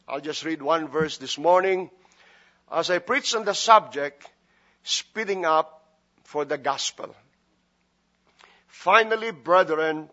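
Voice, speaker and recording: A Filipino man, a guest pastor whose first language is Filipino, preaches and prays in a chatty way full of jokes and fillers. His voice sits a little high with a sharp tone, and the audio is dull.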